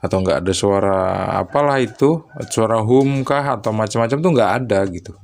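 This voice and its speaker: A man's voice: lowish voice, brisk, darkish tone. A man casually explaining audio equipment to his viewers, chatty and stopping now and then to recall details. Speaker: electronics tech vlogger.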